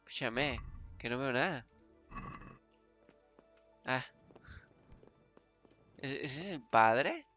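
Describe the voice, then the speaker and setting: A young man with a Spain Spanish accent giving casual let's-play commentary, swearing, laughing and exclaiming loudly. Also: mid-range voice, expressive, drawn-out words, long pauses, faint music behind. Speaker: gaming youtuber.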